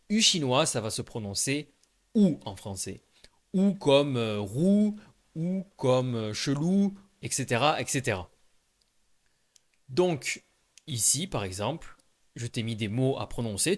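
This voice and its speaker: A man talks straight to the camera in a relaxed video lesson, repeating short sounds slowly so the listener can copy them. His tone is informal and encouraging, addressing the viewer one to one. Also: mid-range voice. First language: French. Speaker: Chinese language teacher.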